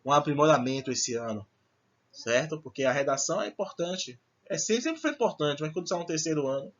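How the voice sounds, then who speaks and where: A man's voice: fairly high pitch, a bit bright, lo-fi sound. A male teacher giving a recorded lesson, explaining patiently and checking in with frequent questions to the class. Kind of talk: recorded online Portuguese lesson.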